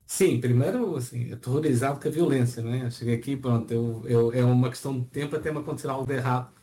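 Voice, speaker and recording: A middle-aged Portuguese man with a European Portuguese accent answers interview questions in a relaxed manner. He talks fast in a mid-range voice but hesitates a lot, using many fillers and restarting his sentences.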